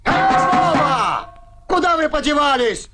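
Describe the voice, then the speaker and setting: A hot-tempered bossy villager. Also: male voice, very high voice, very animated, a little slow, music in the background, exaggerated voice. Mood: commanding. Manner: scolding, barking orders. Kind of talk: comedy film acting.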